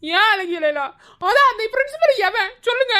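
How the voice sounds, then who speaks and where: A woman's voice: extremely high pitch, very animated, moderate pace, bright, forceful tone, full character voice. A woman voicing a devoted, protective young college man in a cartoon, earnest and coaxing. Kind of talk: Tamil cartoon voice acting.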